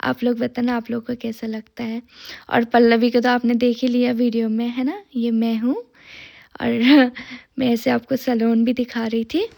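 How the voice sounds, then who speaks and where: A woman's voice: fairly high pitch, little pitch movement, normal speed, gravelly, a little mellow. A woman who owns a salon, narrating her day in a chatty vlog and talking to her viewers between stories. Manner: chatty, talks nonstop, friendly asides to viewers. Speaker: salon owner vlogger.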